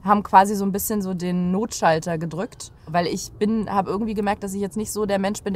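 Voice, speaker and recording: A woman's voice: mid-range voice, slight background noise. Berlin-born woman chatting in a car. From Berlin, Germany. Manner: animated storyteller, gestures while talking. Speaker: guest. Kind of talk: casual chat. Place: back seat of a car, city street.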